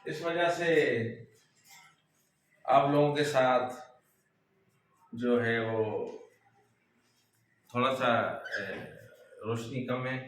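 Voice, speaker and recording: A man vlogging and talking affectionately to his pet parrots in a dim room, with slow, coaxing baby talk. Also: medium pitch, steady tone. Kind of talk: casual vlog, coaxing pets. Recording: echoey room with faint noise.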